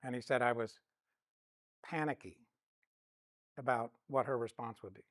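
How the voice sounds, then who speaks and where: A man's voice: mid-range voice, steady tone, normal speed, fairly bright tone, no room sound. A middle-aged man giving a counseling lesson, telling personal stories and acting out the quoted dialogue. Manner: storytelling, acts out quoted dialogue. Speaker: counseling instructor. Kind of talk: teaching talk with personal stories.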